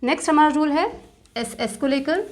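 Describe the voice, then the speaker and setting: A woman teaching shorthand step by step, patiently repeating rules and slowly drawing out example words, with terms. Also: high-pitched. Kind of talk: step-by-step tutorial explanation.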